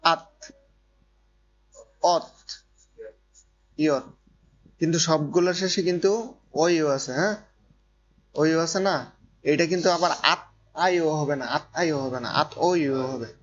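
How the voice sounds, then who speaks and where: This Korean language teacher has a fairly high-pitched voice and takes his time, pausing often as he works through a grammar lesson. He keeps repeating his points and asking whether students are following. The recording is dull and lo-fi, with faint noise and hum.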